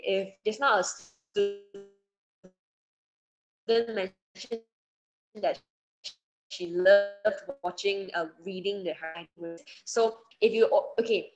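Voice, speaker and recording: A woman's voice: medium pitch, slow, over music, poor audio. A woman teacher with a Malaysian English accent, teaching an online class in a chatty way and acting out short examples. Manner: chatty, explains with examples and acted asides.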